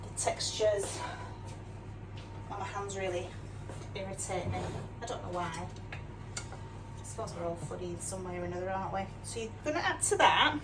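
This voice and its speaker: An older woman from Yorkshire, England, a cooking vlogger with a mixed northern English accent, chats casually and pokes fun at herself while cooking in her home kitchen, often ending sentences with tag questions. Her mid-range voice moves at a normal speed with frequent pauses as she gives a relaxed, chatty cooking demonstration. The mic is distant, and background noise is clearly audible.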